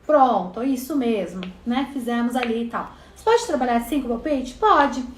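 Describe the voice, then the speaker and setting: A woman's voice: fairly high pitch, expressive, normal speed, a little hiss or hum. A woman with a Brazilian accent teaching a casual online lesson in a chatty way, often adding "né". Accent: Brazilian Portuguese. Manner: chatty, frequent "né" tags. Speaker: neuropsychopedagogy teacher. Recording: roomy echo.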